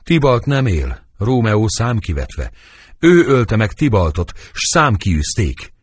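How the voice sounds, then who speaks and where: Reading dramatic verse, a man voices a wailing old nurse, a fussy, grieving woman, in a lamenting mood. His lowish voice is very animated with a breathy edge, recorded dry with studio quality.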